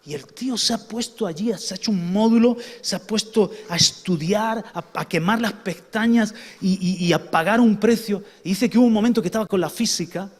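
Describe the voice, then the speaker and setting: Male pastor, preaching in a reverberant church hall, loud-to-soft delivery. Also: high-pitched. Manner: preaching with lively shifts between loud and soft. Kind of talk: sermon.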